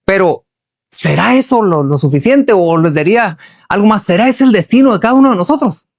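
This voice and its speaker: A man's voice: high voice, lively intonation, fairly quick. A middle-aged man from Chihuahua gives a motivational talk to workers in a folksy, earthy way, full of slang and questions to the audience. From Chihuahua, Mexico. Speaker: motivational speaker.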